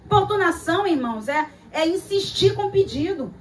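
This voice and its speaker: Woman, Brazilian accent, pastor, sermon, high-pitched, dramatic storytelling, recorded from a distance. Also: expressive, moderate pace, a little hiss or hum. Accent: Brazilian Portuguese. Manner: dramatic storytelling, acting out voices and repeating phrases.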